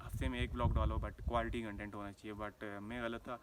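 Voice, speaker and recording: An earnest young man from Pakistan recounts a personal story for his vlog, slipping English phrases into his speech. He sits a little away from the microphone, and a loud noise floor runs under his voice the whole time. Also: on the low side, level tone, fairly quick, far from the mic. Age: young adult. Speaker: vlogger.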